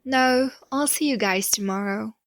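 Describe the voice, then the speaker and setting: A woman's voice: on the high side, measured pace, no room sound. A woman voicing a nervous schoolgirl, uncertain, heard from away from the mic. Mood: uneasy.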